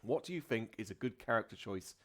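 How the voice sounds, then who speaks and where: A man's voice: fairly low pitch, lively intonation, a little fast. A man hosting a casual tabletop gaming podcast as the dungeon master, rambling with many fillers and restarts.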